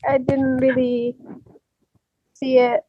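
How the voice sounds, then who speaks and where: A young woman from Algeria, a podcast guest, talks in a casual, hesitant way with many fillers and soft laughs. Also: sits high, monotone, takes it slowly, highs cut off, a little hiss or hum. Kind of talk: casual interview chat.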